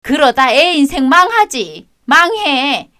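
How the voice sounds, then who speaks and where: A woman's voice: high-pitched, very animated, slow, sharp tone, full character voice. A woman voicing a spiteful, bossy middle-aged sister-in-law in a radio drama, sneering and scolding.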